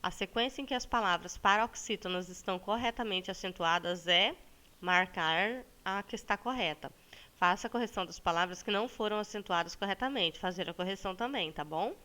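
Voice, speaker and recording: A woman teacher with a Brazilian accent, walking students through a lesson with patience. She stretches words slowly to show the stressed syllable and often checks in with "tá bom?". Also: mid-range voice, pushed and bright. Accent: Brazilian Portuguese. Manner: ends phrases with a checking "tá bom?". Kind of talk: recorded classroom lesson for students.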